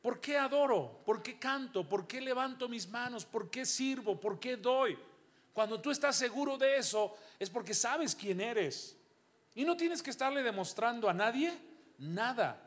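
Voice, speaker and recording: Preaching to his congregation, this high-voiced, middle-aged pastor is expressive and a touch slow, with a fairly bright tone. Rhetorical questions come in bursts, followed by quiet, intimate asides.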